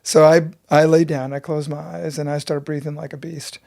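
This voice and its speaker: A man's voice: a little high, flat delivery, moderate pace, creaky, darkish tone. A man in his fifties, a breathwork teacher telling his story with earnest intensity in an interview.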